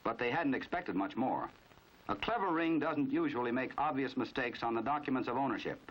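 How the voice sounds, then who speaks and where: Close to an everyday voice, this American man's medium pitch carries lively intonation at a slightly fast pace. He narrates a 1950s crime training film in a knowing, dramatic storytelling style, wry and measured, on a dull, band-limited 1950s film soundtrack.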